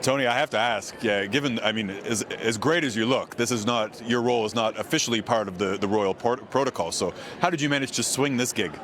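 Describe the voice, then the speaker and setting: A man's voice: on the low side, fairly quick, few pauses, fairly bright tone. A man working as a television news reporter, doing a live interview on location outdoors. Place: outdoors on a busy city street among a crowd. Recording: busy outdoor crowd noise. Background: crowd and street traffic.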